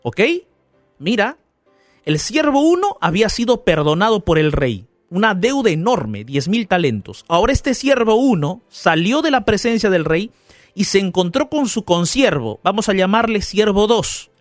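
Lively male pastor preaching. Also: high voice, normal speed, no room sound, faint music behind. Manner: animated storytelling, asks the listener questions. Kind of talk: radio sermon.

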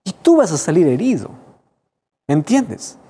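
A man's voice: very animated, measured pace, husky, heavily acted. Jesus, a preacher acting stern and fatherly. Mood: stern warning. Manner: emphatic, scolding, louder and higher.

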